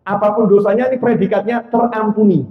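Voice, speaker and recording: A man preaching a sermon to a congregation, animated, swinging between loud exclamations and soft low asides and acting out the voices of people in his stories. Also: fast. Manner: acts out quoted voices in dialogue. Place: mosque or hall before a congregation. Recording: echoey room, dull lo-fi sound.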